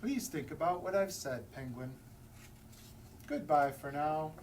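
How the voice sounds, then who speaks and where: Man as a solemn walrus sage, unhurried. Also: a little high, darkish tone, natural voice. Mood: solemn, soothing. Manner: lofty, measured, formal. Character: wise, kindly, solemn male walrus giving counsel. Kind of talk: picture-book read-aloud for children. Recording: distant mic, faint background noise.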